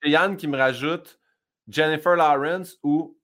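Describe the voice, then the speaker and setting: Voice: medium pitch, measured pace, a bit bright. An interview host with a Québécois accent, asking questions in a playful, joking way and swearing casually.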